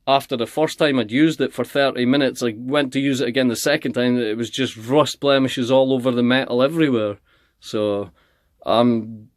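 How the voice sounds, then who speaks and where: A man's voice: medium pitch, no echo, studio quality. A man ranting angrily to camera, heated and confrontational, repeating himself as he complains. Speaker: channel host. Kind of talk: angry ranting vlog.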